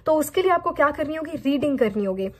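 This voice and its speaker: A woman's voice: sits high, animated, fast talker, a little mellow. A woman whose first language is Hindi, with a Haryanvi accent, teaching English in an online lesson that mixes Hindi and English, asking and answering her own questions and repeating key words.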